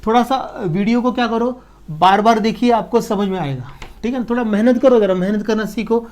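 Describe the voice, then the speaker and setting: A man's voice: high-pitched, a little mellow. Coaxing male chemistry teacher drilling students. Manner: coaxing, repeats "ठीक है ना" to check understanding; slows down and drops his voice while writing terms on the board. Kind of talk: online exam-prep lesson.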